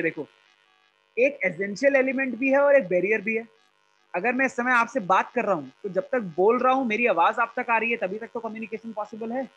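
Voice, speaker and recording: A man's voice: very high-pitched, a bit bright. A man with an Indian English accent teaching an online class, switching between English and Hindi and often checking whether students follow. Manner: mixes English and Hindi, asks students questions. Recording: dull lo-fi online class audio.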